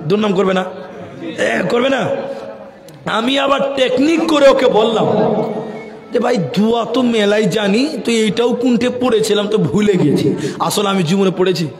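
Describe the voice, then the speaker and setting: A high-pitched male preacher from Assam with an Assamese Bengali accent, telling animated stories and chanting verses in a sung tone. His voice rings out with a long, echoing reverb, as though carried over loudspeakers to a large gathering. It is a live sermon, delivered with plenty of theatrical voicing. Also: moderate pace. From Assam, India. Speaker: Islamic preacher. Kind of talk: live open-air sermon. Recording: echoey public-address sound with long reverb.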